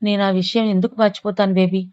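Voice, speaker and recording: A doting young husband who coaxes his wife with affectionate words, put on by a woman narrator. The voice is mellow and fairly even in pitch. The recording is dull and lo-fi. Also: quick pace, clean tone, natural voice. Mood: coaxing. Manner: coaxing, affectionate. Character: doting young husband, patient but short-fused.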